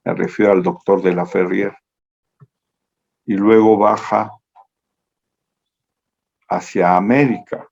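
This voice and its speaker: A man lectures slowly over a video call, his low, gravelly voice drifting through a meandering story. He corrects himself as he goes. The call audio is dull and lo-fi. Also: steady tone, a little mellow.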